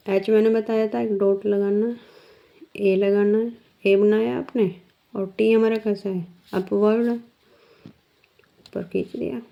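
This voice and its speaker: In a dull lo-fi recording, a creaky-voiced woman of medium pitch teaches shorthand one step at a time. Slow and patient, she keeps putting questions to her students during the lesson.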